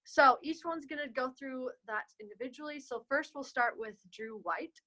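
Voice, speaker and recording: A woman's voice: high-pitched, pushed and bright, rough recording. A young woman moderating a casual student webinar over a video call, upbeat and chatty. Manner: upbeat, chatty, quick transitions.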